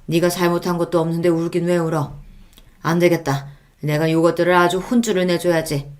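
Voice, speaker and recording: A woman's voice: fairly low pitch, level tone, close to an everyday voice. A woman voicing a stern elderly father-in-law. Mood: indignant. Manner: firm, scolding, measured.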